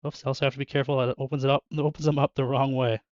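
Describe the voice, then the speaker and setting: A man's voice: medium pitch, little pitch movement, rapid-fire, a little mellow, no echo, lo-fi sound. A young man chatting casually and joking with viewers while opening card packs in his bedroom, laughing often. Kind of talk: casual chat with live chat. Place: bedroom at home.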